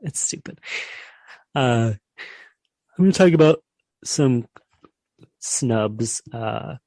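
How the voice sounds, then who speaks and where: A man's voice: mid-range voice, animated, slow, dark tone, no room sound. A man co-hosting a podcast, chatting casually about film awards, laughing often and using lots of fillers. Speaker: podcast co-host.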